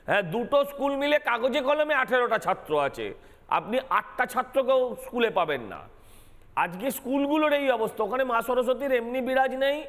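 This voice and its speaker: A man's voice: very high-pitched, fairly bright tone. Guy, councillor, pushy and repeats himself, echoey line. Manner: emphatic, accusatory, repeats himself. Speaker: councillor guest. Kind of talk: heated political debate.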